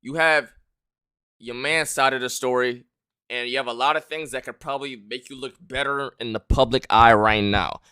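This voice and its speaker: A man's voice: mid-range voice, fairly even intonation, normal speed, bright, forceful tone, smooth, dry recording, studio quality. A male streamer giving casual reaction commentary, repeating himself and talking to his chat. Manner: repeats phrases, talks to chat.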